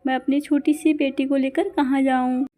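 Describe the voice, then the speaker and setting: A woman's voice: high-pitched, flat delivery, moderate pace, warm tone, lightly acted. A woman voicing Gori, a loving mother bird who is upset and tearful. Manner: tearful, pleading.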